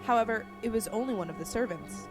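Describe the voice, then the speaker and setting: A woman storyteller narrating a horror story in a suspenseful way, growing hushed at tense moments. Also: fairly high pitch, fast talker. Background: music.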